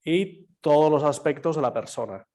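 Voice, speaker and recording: Guy teaching yoga over a video call, a bit hoarse, explains slow and asks the class stuff. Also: fairly high pitch, expressive, warm tone. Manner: explains patiently, quizzes students, many fillers. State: slightly hoarse. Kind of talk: online class lecture. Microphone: computer mic on a video call.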